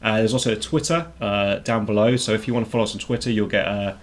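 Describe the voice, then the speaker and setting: A man casually commentating and joking as host of a live poker stream, with hesitant pauses. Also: lowish voice, steady tone. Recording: noticeable background noise.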